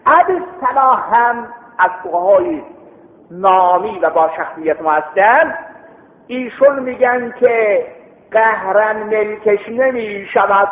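A man teaching a seminary class, explaining step by step, reciting Arabic text and quizzing his students. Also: high-pitched. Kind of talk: classroom lecture. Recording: echoey hall, tinny lo-fi sound.

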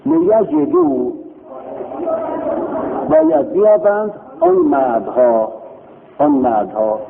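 A man's voice: high voice, wildly swooping pitch, vocal fry. A man teaching a grammar lesson, drilling verb forms and quizzing himself with questions and answers. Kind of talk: recorded classroom lesson. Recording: tinny phone-like line with faint noise.

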